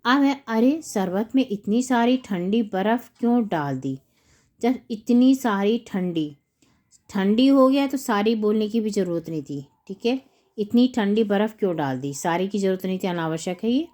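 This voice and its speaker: A woman's voice: medium pitch, animated, dark tone. A woman teacher walking through a school textbook lesson, breaking words into separate syllables as she explains. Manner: slow, spelling words out syllable by syllable.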